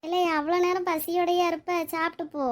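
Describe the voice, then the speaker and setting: A high-voiced, motherly elder sister in a cartoon, voiced by a woman. She speaks in an affectionate, pleading, emotional way. Her pitch is high but stays in a narrow band. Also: little pitch movement, fairly quick. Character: loving elder sister and wife, motherly and tearful. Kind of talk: Tamil cartoon drama voice acting.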